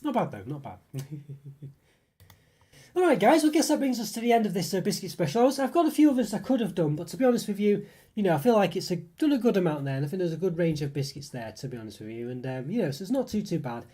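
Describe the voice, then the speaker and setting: Fast and dark-toned, his high voice swings widely in pitch. This cold-congested man from the United Kingdom reviews snacks in a rambling, casual YouTube live stream, hedging often and using many fillers.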